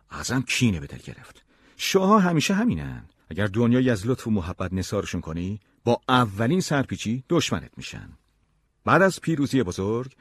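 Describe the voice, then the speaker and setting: A man reads an audiobook story in the first person with expressive delivery. His voice is low and husky, his pitch moves a lot, and the recording is close and dry. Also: dry recording. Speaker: narrator.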